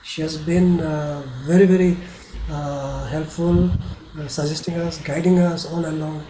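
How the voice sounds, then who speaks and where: A middle-aged man with an Indian accent, giving an informal webinar talk as a tour operator in a halting, hesitant way. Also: a little high, flat delivery, dark tone. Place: small bedroom indoors, video call. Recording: slightly noisy video call.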